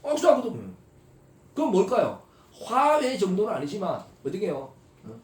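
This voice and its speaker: A male pastor preaching a sermon, constantly asking the congregation rhetorical questions and swinging between soft asides and loud, emphatic exhortation. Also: high-pitched, huge pitch swings, moderate pace. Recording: echoey hall, voice from far off.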